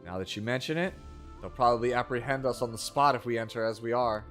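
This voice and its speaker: A man's voice: medium pitch, fast talker, pitched below the performer's own voice, lightly acted. A man doing amateurish voice acting as a stern, curt fugitive in fantasy game dialogue, reading it aloud. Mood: terse, reproachful. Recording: loud game music behind.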